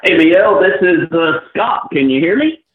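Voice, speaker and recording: A man's voice: high-pitched, lively intonation, normal speed. A man calling in to a talk show on speakerphone, his voice muffled and distant. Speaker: caller. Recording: muffled, echoey phone line with faint hiss.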